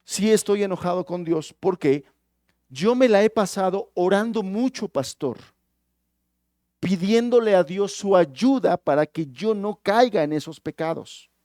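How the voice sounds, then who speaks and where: A man's voice: high voice, expressive, unhurried, darkish tone, no echo, studio quality, voice pushed up. A man voicing an agitated young married man who pleads that God has not helped him. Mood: upset pleading. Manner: agitated and pleading, then evasive.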